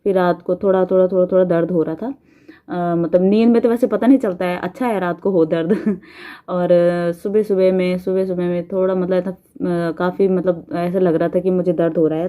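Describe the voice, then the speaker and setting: A woman's voice: on the low side, mellow. A woman from India, probably in her thirties, telling a personal story to her viewers in a chatty, rambling way with frequent laughs. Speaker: vlogger. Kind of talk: casual storytelling.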